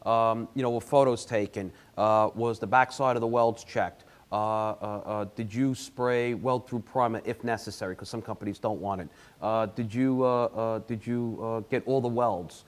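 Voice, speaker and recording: A man on a repair-industry panel talks through checklists in a chatty, halting way. He stumbles over fillers often, speaking into a handheld mic in a showroom. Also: lowish voice, fairly even intonation. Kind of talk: panel discussion. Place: car dealership showroom.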